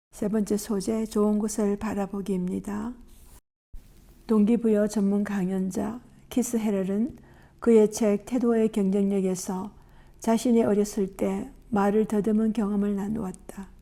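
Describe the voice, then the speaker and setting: A woman calmly and gently reading aloud a chapter from a faith-based self-help book in measured, scripted narration. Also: mid-range voice.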